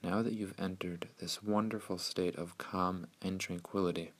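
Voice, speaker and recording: A man narrating a scripted guided meditation in a soothing, hushed, unhurried way with long pauses. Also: low-pitched, steady tone.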